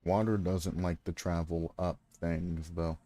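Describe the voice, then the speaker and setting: Deep-voiced man streaming a game. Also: little pitch movement, measured pace, dark tone. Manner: talks to himself and chat, sarcastic asides. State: clears throat often. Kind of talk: casual gameplay commentary.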